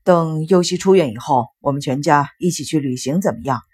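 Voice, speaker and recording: A woman voicing a calm middle-aged father who speaks mildly and tries to smooth things over. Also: low voice, fairly quick, pitched below the performer's own voice. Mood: coaxing. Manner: mild and conciliatory.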